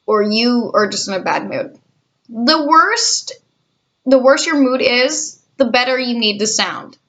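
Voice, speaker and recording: Sardonic twenty-something woman venting, high bright voice, casual vlog talk. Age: 20s. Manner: candid, sarcastic, self-described cynic. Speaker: call centre worker.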